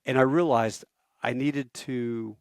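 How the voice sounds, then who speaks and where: An older man from the United States recounts his path to flying in an animated, storytelling manner. His voice sits in a middle pitch. The sound is dry and close. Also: slow, vocal fry, no room sound. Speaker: guest, airline pilot. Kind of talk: storytelling interview.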